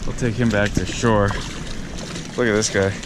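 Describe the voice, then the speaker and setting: A man giving excited, chatty commentary while fishing from a riverbank, talking straight to his viewers. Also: fairly low pitch, moderate pace. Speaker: fishing video host. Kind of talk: casual on-the-spot fishing commentary. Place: outdoors on a riverbank and fallen tree. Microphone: head or chest-mounted action camera. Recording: outdoor camera mic with river and wind noise.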